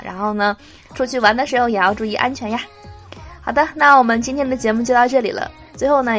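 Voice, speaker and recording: A woman's voice: fairly high pitch, fairly bright tone. A young woman hosting a radio show, reading jokes aloud in a cheerful way and laughing at them.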